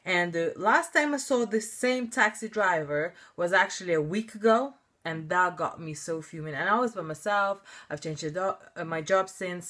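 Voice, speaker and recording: A young woman vlogging a rant with a slightly low voice. She talks chattily, fills her speech with "like" and "you know", and sounds indignant. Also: a bit bright. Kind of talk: casual ranting storytelling.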